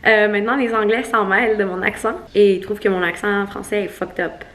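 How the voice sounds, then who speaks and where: Chatty young Québécoise vlogger. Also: female voice, medium pitch, fairly even intonation, fairly quick, fairly bright tone, slight background noise. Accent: Québécois French. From Quebec. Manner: chatty, mixes in English words. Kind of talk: casual vlog.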